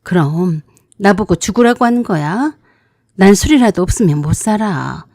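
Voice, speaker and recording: A woman's voice: mid-range voice, animated, normal speed, darkish tone, no echo, studio quality. A woman voicing a drunken, abusive middle-aged husband who scolds and barks questions. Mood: defiant.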